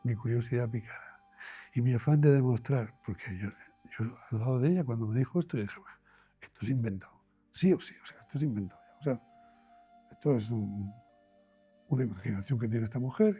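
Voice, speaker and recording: Spanish doctor, dark husky storytelling voice. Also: male voice, medium pitch, brisk, soft background music. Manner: animated storyteller, acts out dialogue in quoted voices. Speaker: doctor telling his own experience. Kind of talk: storytelling in an interview.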